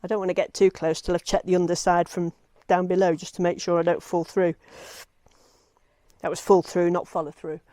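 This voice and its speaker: A woman's voice: on the low side, little pitch movement, brisk, mellow, no echo. A woman chats casually as she films a home renovation from outside. She teases and encourages the person working, laughing often. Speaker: vlogger filming a home renovation. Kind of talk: casual chat while filming. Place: outdoors beside a house and scaffolding.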